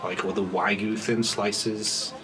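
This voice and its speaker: Slow-paced man narrating a tabletop game. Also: fairly low pitch, little pitch movement. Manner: halting, casual phrasing. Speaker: game master. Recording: noisy room, ambient sound.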